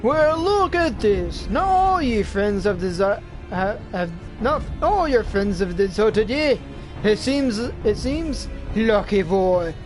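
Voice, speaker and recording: A man voicing a cruel, gloating male thug who talks with a rough drawl while reading game dialogue. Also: high-pitched, expressive, slow pace, over music. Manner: taunting, with a rough old-fashioned drawl.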